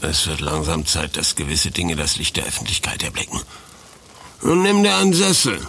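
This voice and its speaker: A man doing a gravelly gruff old ex-officer. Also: a bass voice, completely flat delivery, brisk, pushed and bright, full character voice. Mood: solemn. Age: older. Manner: curt, commanding, then fatherly. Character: reclusive old ex-lieutenant, gruff, guarded man. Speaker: retired lieutenant. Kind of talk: radio play acting.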